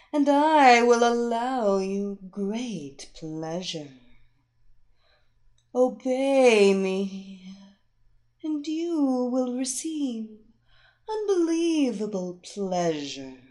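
A woman playing a commanding female hypnotist, very slow, lilting melodic voice, soothing and seductive. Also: mid-range voice, sing-song, darkish tone. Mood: hypnotic, seductive. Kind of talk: erotic audio story acting.

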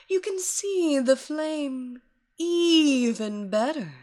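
A woman voicing a commanding, seductive female hypnotist who draws her listener into her power with a slow, soothing, repetitive cadence. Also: fairly high pitch. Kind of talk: hypnosis story reading.

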